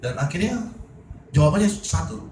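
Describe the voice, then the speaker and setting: A male pastor telling a story as a sermon, lively and joking, often laughing. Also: fairly high pitch, normal speed. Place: church hall. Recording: echoey hall, distant mic, noisy.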